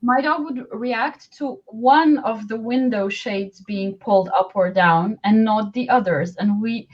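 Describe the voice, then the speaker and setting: A woman's voice: fairly high pitch, measured pace, muffled recording. A woman hosting a live video interview, listening closely and adding short affirmations and her own examples. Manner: attentive, brief affirming interjections. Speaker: interview host.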